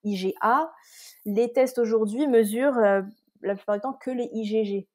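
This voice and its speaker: Woman guest from Scotland, warm and mellow tone, explanatory, restarts often. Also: a little high, normal speed. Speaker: nutritherapist guest. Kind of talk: casual interview chat.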